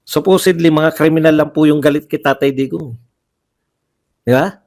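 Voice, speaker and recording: A man's voice: on the high side, moderate pace, darkish tone. A man giving heated livestream political commentary, firing off rhetorical questions and repeating phrases for emphasis.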